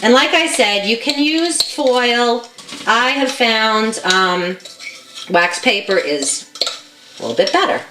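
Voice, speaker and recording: A woman's voice: on the high side, expressive, slow pace, echoey room, distant mic, background noise. A woman co-hosting a show, chatting casually and encouragingly as she demonstrates a recipe in a home kitchen, often checking in with "okay?". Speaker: co-host.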